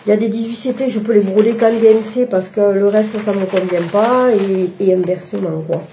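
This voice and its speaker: A woman's voice: mid-range voice, fairly even intonation, brisk, dark tone, a little hiss or hum. A woman casually showing her cross-stitch projects, talking with many hesitations and restarts. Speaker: embroidery vlogger. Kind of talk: casual show-and-tell chat.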